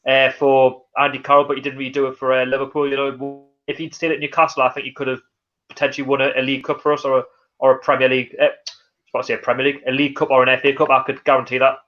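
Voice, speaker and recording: Racing along in a level, mid-range voice, a Geordie livestream host from North East England reads viewer comments out loud and reacts in a chatty, filler-heavy way. The audio has its highs cut off.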